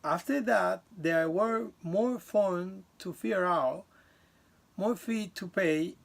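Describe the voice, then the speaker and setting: A high-pitched, gravelly male student from the Dominican Republic speaks slowly in a class presentation captured on video. He restarts often and uses some non-native grammar, sounding halting but earnest.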